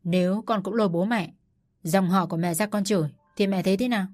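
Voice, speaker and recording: A woman voicing a defiant young wife who answers back in firm, measured words. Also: mid-range voice, darkish tone, faint music behind, natural voice. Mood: firm defiance.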